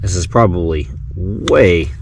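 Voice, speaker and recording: Slow and deep-voiced, a vlogger walks through installing a car radio while working inside a vehicle. He keeps it casual and folksy, thinking aloud, and the vehicle's background noise comes through clearly.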